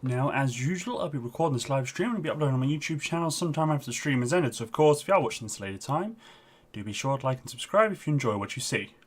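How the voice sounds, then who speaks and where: A man's voice: medium pitch, lively intonation, fast talker. A man doing casual live-stream game commentary into a headset, out of breath and chatty, with frequent ums.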